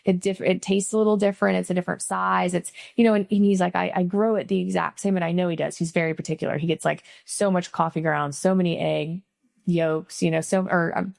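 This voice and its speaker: A middle-aged podcast host from Missouri speaks a little fast in a fairly low, steady, slightly mellow voice with vocal fry. Her casual interview chat and closing sign-off are full of "like" and "right?". The studio-quality recording has no room sound.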